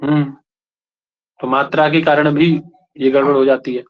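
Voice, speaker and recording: A man's voice: medium pitch, little pitch movement, normal speed. A man from India teaching a class, explaining points and checking in with the students with short questions. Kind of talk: classroom lecture. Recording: lo-fi classroom recording.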